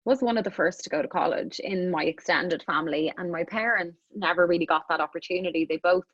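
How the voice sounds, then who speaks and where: A woman's voice: lowish voice, quick pace, a bit bright, no room sound, muffled recording. A woman in her thirties with an Irish accent, talking as an interview guest in a chatty way with many restarts. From Ireland. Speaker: guest, immigration attorney. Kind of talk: conversational interview.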